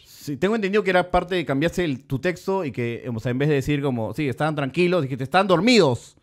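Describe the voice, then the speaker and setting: A man's voice: a little high, quick pace. A man, a podcast host who mostly agrees with short remarks. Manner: brief agreeing back-channel remarks.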